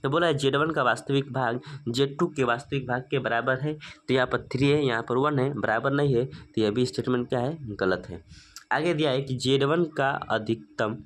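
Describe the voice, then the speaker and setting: A man teaching a maths lesson, slowly working through a problem step by step and asking himself rhetorical questions. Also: medium pitch, a little hiss or hum. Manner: asks rhetorical questions and answers them; slow, stepwise working-through.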